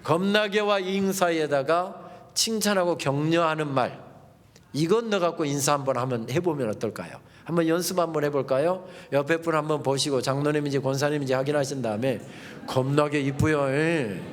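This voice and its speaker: High-voiced man preaching in a reverberant hall. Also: fairly quick. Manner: lively preaching with playful dialect quotes. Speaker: pastor. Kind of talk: revival sermon.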